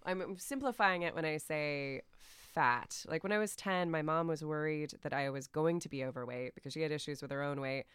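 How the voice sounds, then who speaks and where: Low-voiced American woman in her thirties. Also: brisk, few pauses, a bit bright, smooth, no room sound. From United States. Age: 30s. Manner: rambling, self-deprecating, laughs often. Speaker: podcast guest. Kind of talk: casual podcast chat.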